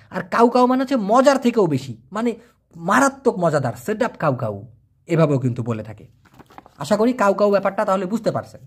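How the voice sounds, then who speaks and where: Lively-pitched man teaching phrases. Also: slightly rough. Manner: repeats each phrase slowly and translates it, with a lively rise and fall. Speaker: Malay language teacher. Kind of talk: casual explanatory language lesson.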